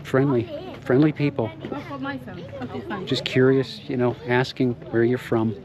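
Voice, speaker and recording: A man talks through his travels in a relaxed, rambling way. His voice sits in an ordinary middle pitch, and he pauses often to find his words while outdoors in a city. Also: a crowd in the background. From Ohio, United States. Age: 50s. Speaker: travel vlogger. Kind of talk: casual travel vlog narration.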